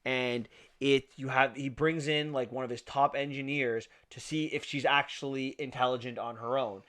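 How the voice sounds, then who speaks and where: A man's voice: medium pitch, steady tone, normal speed, fairly bright tone. A man co-hosting a movie podcast, talking enthusiastically and rambling with frequent restarts. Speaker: podcast co-host. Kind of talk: casual movie review chat.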